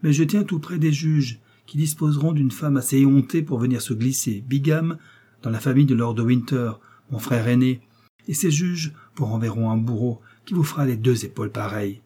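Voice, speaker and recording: A man voicing a cold, mocking English lord who speaks with sardonic, quietly menacing calm; his voice is husky. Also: mid-range voice, moderate pace, natural voice.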